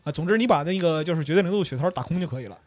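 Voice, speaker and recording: Guy narrating like an old-school storyteller, highish voice, bouncy delivery, dry close mic. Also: animated, very fast, a little mellow, no echo. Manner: traditional storyteller cadence with playful slang asides. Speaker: podcast storyteller host.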